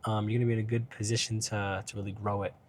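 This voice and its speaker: Speaking quickly in a fairly low, level tone, this business vlogger rambles about business while driving, over slight background noise. Fillers and asides pile up, and he repeatedly tacks on "right?" Illness is starting to take his voice.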